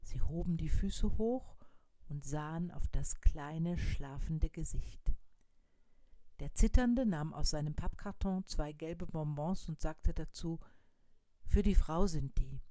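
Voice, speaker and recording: A woman reading a story aloud, slowly and quietly, sometimes in a whisper. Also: low-pitched, dry recording.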